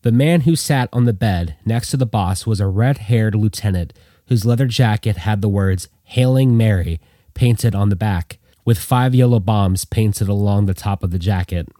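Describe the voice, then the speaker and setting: Low, mellow male storyteller. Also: normal speed, no room sound, clean studio sound. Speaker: narrator. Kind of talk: storytelling reading.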